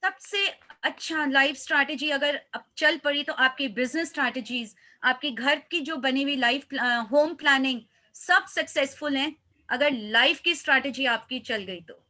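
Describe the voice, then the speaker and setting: A woman's voice: sits high, normal speed, bright, forceful tone. A woman, a life coach, speaking earnestly in a motivational interview and mixing in English phrases.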